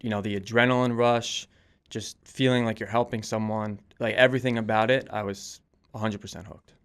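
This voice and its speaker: Speaking fairly quickly in a steady tone, a man in his twenties with a smooth, clean, somewhat low voice tells stories as a podcast guest. He works as a volunteer firefighter and police dispatcher, and his relaxed interview answers come out as he gropes for phrases along the way.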